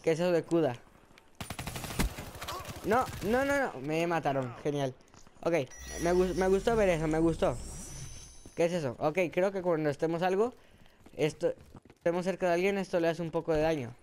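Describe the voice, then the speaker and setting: A man with a fairly high voice and a put-on Spain Spanish accent, commentating his own gameplay live. He exclaims at every kill and death and mocks himself between rounds. A faint hiss sits under his voice. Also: normal speed, long pauses. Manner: excitable, exclaiming, self-mocking. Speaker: gaming channel host.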